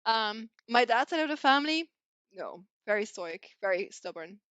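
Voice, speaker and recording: A woman's voice: fairly high pitch, big pitch swings, moderate pace, fairly bright tone, no room sound. A young woman from Belgium, a native Flemish speaker with a slight Irish twang, chatting casually as a podcast guest and filling her talk with "like" and "you know".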